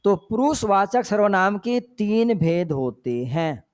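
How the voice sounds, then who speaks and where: A man with a Hindi accent from Jharkhand, teaching grammar in an exam-prep lecture, speaking slowly and repeating key points, often telling students to pay attention. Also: high-pitched, sing-song, clear, resonant tone.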